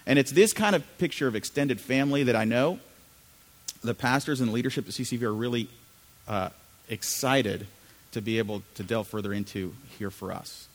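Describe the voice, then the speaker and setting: A man's voice: mid-range voice, normal speed. Middle-aged male pastor, conversational sermon, asks the room questions, long reverb of a church hall. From Chile. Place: church sanctuary.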